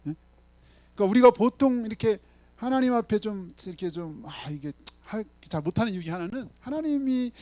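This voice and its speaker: A male pastor preaching in a chatty way. He acts out dialogue and leads slow unison scripture readings. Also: high-pitched, darkish tone, no echo. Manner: often ends phrases with a questioning "응?" or "예?". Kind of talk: sermon.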